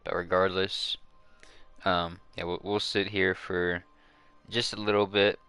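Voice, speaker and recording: A man's voice: low-pitched, level tone, measured pace, bright, forceful tone, clear, resonant tone, dry recording, faint music behind. A man chatting casually to his viewers while waiting on a live stream, rambling with lots of fillers and restarts, hiccuping now and then.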